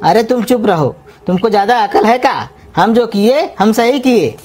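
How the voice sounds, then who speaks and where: A rude, quarrelsome young brother. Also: female voice, a little high, expressive, moderate pace, darkish tone, slightly rough. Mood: quarrelling. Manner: sulky, insulting. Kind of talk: animated comedy cartoon voice. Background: music.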